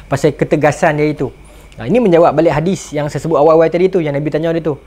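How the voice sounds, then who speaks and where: Brief: lively male religious storyteller, northern Malaysian Malay accent, high voice, fast talker. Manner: animated, addresses listeners as 'tuan-tuan'.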